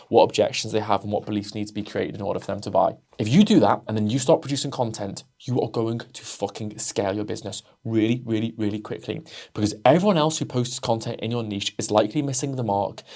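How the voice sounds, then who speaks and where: A young man gives a motivational talk as a business coach. His voice sits a little low, and he talks bluntly and swears constantly. He acts out both sides of imagined conversations. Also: a little mellow. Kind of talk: motivational monologue to camera.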